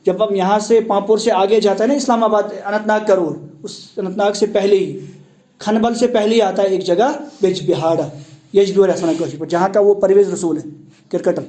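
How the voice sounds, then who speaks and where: A male teacher lectures a class in a high, lively voice. He keeps asking students questions and repeats the key words back to them. He defines terms as he goes and slips in English words. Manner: explains word meanings, mixing in English terms. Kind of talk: classroom lecture explaining a text.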